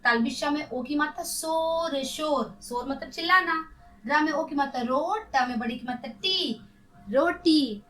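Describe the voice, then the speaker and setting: A woman's voice: sits high, normal speed, sharp tone. A woman teaching young children to read, sounding each syllable out patiently and asking them questions as she goes. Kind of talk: children's Hindi phonics lesson.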